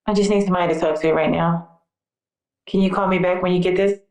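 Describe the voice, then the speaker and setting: An actress playing a worried wife who leaves halting voicemail messages for her missing husband, heard played back. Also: fairly low pitch, steady tone, a little mellow, reverberant. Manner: anxious, halting, with hesitant fillers.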